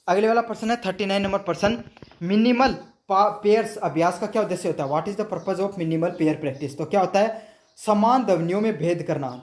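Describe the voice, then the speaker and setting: A young male teacher giving an exam-prep lecture, asking his own questions, answering them and repeating answers for students to memorize, with English terms mixed in. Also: high-pitched. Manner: mixes English terms into Hindi.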